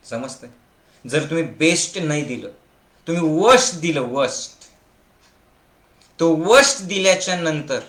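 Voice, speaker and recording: A man's voice: fairly high pitch, a bit bright, reverberant. A man giving a spiritual discourse as a teacher. He speaks emphatically, repeats short slogan-like phrases and keeps asking listeners whether they follow.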